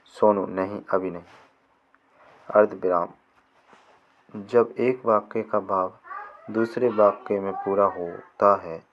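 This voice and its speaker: A man with a very low voice reads a grammar lesson slowly, giving each definition and example in a measured way. The recording is dull and lo-fi, with a faint hiss behind him. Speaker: teacher. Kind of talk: reading a grammar lesson aloud.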